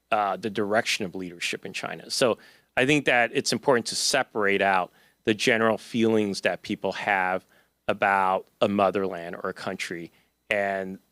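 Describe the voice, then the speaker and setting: A man who wrote a book takes audience questions at an event hall talk, rambling conversationally with frequent fillers and restarts. The recording is dry, and his somewhat low voice has a fairly bright tone.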